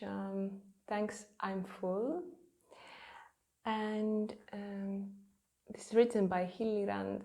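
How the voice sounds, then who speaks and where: Slow, mellow woman vlogging. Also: mid-range voice, gravelly. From Estonia. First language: Estonian. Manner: gentle, thoughtful, pauses often. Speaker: children's book illustrator. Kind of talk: casual studio vlog. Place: her home art studio.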